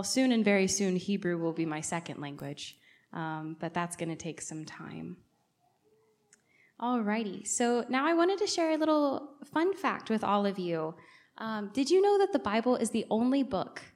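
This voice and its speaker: A woman who is a native English speaker gives a conversational sermon as a guest preacher, often asking the congregation direct questions. Her voice is medium-pitched and a little mellow, with lively intonation at a normal speed.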